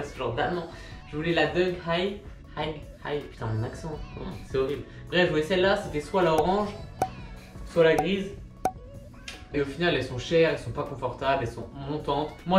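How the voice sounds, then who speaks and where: A man in his twenties vlogging casually about sneakers, rambling and joking at his own expense. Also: on the high side. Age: 20s. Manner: rambling, chatty, self-mocking asides. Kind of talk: casual vlog chat. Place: indoor room with a machine running. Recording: echoey room recording. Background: machine noise and soft music.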